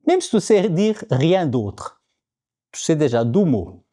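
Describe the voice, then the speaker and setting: Speaking slowly with big pitch swings, a man from Portugal uses a slightly high, dark-toned voice in his casual language-learning vlog. He has a Portuguese accent and repeats words over and over while teaching them.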